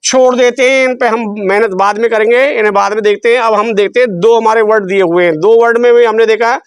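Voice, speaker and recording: A man's voice: high voice, steady tone, fast, clear, resonant tone, dry recording. A man teaching a spelling lesson. He repeats his questions back to the students and stretches out syllables. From India. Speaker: English teacher. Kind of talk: spelling lesson explained in Hindi.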